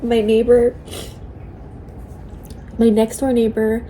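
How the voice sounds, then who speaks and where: A tearful woman talking casually and haltingly in an emotional, confiding personal vlog. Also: on the high side, completely flat delivery, mellow, a little hiss or hum. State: tearful, crying. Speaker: vlogger sharing a personal update.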